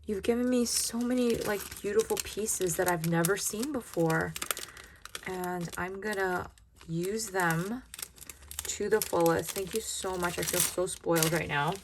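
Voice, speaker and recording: A woman's voice: lowish voice, a little slow, noisy background. A woman giving casual unboxing commentary in a gushing, grateful manner, drawing out her exclamations. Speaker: craft vlogger unboxing happy mail.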